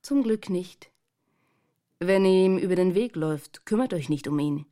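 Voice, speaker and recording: A woman reading a storybook does a grown man looking after two children, warm and low in colour. He teases lightly and lays down rules with gentle firmness. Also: animated, moderate pace, natural voice. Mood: teasing. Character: adult man, easygoing caretaker of the children.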